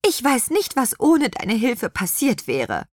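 A woman's voice: fairly high pitch, moderate pace, no echo, clean studio sound, voice pushed up. A woman voicing a kindhearted storybook apple witch, speaking expressively. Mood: relieved. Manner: lively, expressive. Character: kindly apple witch, female, warm-hearted.

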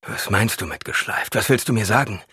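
A man's voice: fairly low pitch, a little fast, sharp tone, breathy edge, dry recording, clean studio sound, full character voice. A man voicing a shaken, urgent husband. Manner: urgent, clipped questions. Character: shaken man questioning his wife. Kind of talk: audiobook reading.

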